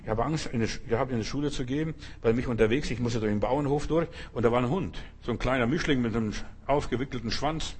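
A man preaching a sermon, telling a story and then urging listeners forcefully, often repeating himself. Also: mid-range voice, fast talker, slightly rough. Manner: storytelling, then forceful exhortation with bursts of emphasis; restarts and repeats words often, asks "verstehst du?".

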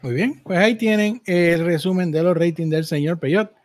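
A man's voice: sits high, moderate pace, dry recording, studio quality. A man with a Puerto Rican Spanish accent hosting a podcast in a casual, informal, conversational way. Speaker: podcast host.

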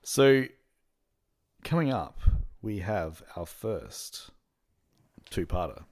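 A man with a very low voice hosts a casual podcast chat. He recaps at length, stumbling through fillers and restarts. He laughs now and then and acts out characters' lines as he retells the scenes. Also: big pitch swings, drawn-out words, a little mellow. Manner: rambling, full of fillers and restarts, laughs often. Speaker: podcast host.

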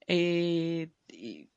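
A woman's voice: sits low, no room sound. A young woman with a Mexican accent telling a personal story to her viewers in a casual, slangy way, swearing freely and restarting her sentences often. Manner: slangy, full of fillers and swearing; frequent self-interrupting restarts. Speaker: vlogger.

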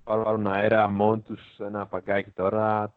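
A man's voice: fairly low pitch, monotone, phone-quality sound. A man co-hosting a podcast who chats casually and often chimes in to agree. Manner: agreeing, brief interjections. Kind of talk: casual chat.

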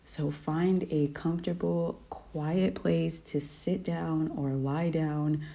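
A woman guiding a meditation in a calm, soft voice that often drops to a whisper. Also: deep voice, slow, vocal fry. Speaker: podcast host. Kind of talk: guided meditation.

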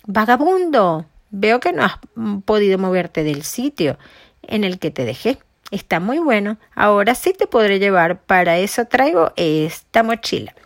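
A woman voicing a big, mocking, menacing male tiger in a storybook tale, slow and threatening. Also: medium pitch, very animated, dry recording, studio quality.

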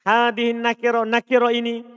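Male religious teacher, high voice, dry close sound, drills students on Arabic grammar. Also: completely flat delivery, fairly quick, fairly bright tone, clear, resonant tone, no room sound. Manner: quizzing students with repeated questions; mixes Arabic terms with Indonesian explanation. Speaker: Islamic studies teacher. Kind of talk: classroom lesson on Arabic grammar.

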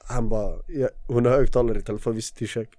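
Young man around twenty, casual guest, slangy, relaxed, dry close sound. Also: mid-range voice, dry recording. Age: 20s. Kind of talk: casual chat.

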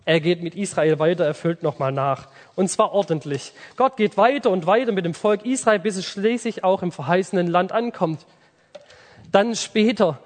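A man preaching a sermon to a congregation, swinging from loud outbursts to soft, intimate lines. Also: high voice. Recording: reverberant hall.

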